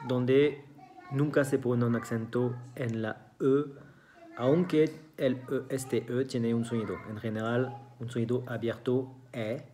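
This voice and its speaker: Slow, careful teacher. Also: medium pitch, warm tone, a little hiss or hum. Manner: slow and careful, repeats each example word. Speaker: French teacher. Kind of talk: beginner language lesson.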